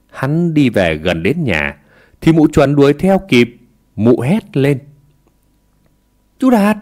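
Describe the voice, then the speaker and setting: A man narrating a story in a lively, expressive way. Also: medium pitch.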